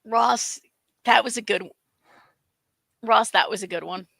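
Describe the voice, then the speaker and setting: A woman co-hosting a casual live stream chat, halting, with a worn-out voice that is going. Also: on the high side, vocal fry, a bit bright, dry recording. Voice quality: strained, worn-out voice. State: losing her voice. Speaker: co-host of a live stream show.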